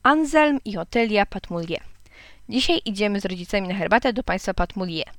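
A woman reading a children's story aloud in a lively, expressive way, with occasional slips she corrects. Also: mid-range voice, fairly quick, dry recording. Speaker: narrator.

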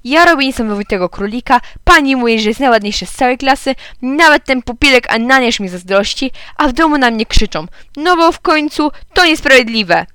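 Whiny little schoolboy, read by a woman, storybook, smooth higher voice. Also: expressive, a little fast, hardly any pauses, a bit bright, no room sound, clean studio sound. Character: cheeky schoolboy, sulky and boastful. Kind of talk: storybook reading.

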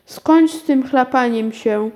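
An impatient mother calls her daughter in a loud, raised voice, as a woman reading the story puts her on. Her pitch climbs high as she calls. The delivery stays slow and deliberate.

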